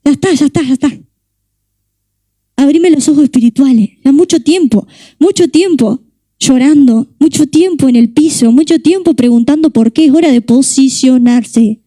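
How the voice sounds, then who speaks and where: A woman's voice: sits high, moderate pace, warm tone, no room sound. A young woman preaching a sermon with a Rioplatense Spanish accent, impassioned and driving home her points with repeated rhetorical questions.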